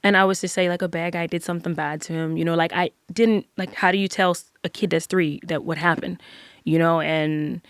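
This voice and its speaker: A woman's voice: on the low side, fairly even intonation, a little fast, dry recording, studio quality. A woman in her thirties speaking openly and reflectively as a podcast guest in casual conversation. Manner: open, reflective, full of filler likes. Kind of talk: casual interview chat.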